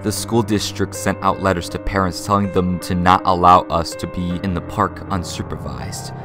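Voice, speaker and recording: A man narrating creepy first-person stories from a script in a measured, dramatic storytelling way. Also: deep voice, steady tone. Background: music bed.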